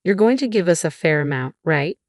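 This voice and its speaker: Woman reading a sneering, greedy mother, low-voiced. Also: animated, fairly quick, no room sound, studio quality, close to an everyday voice. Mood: demanding. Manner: sneering, demanding. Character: spiteful, greedy divorced mother, sneering and entitled. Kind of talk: story dialogue.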